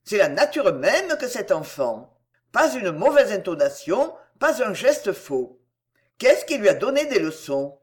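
A woman's voice: medium pitch, very animated, a little slow. A woman voicing an enthusiastic, opinionated male theatre manager in a read-aloud story. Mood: appraising.

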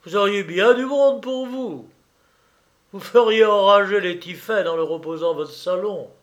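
Imagine a man playing a cunning small-town lawyer in a classic audiobook. He speaks up loud and persuasive, with an edge of malice. The voice stays close to the reader's own, a bit higher. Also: measured pace. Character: scheming middle-aged provincial lawyer, sly.

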